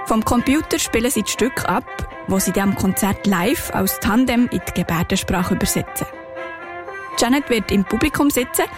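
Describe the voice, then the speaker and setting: Calm and clear, a medium-pitched female narrator with a Swiss German accent presents a scripted radio report in a storytelling style.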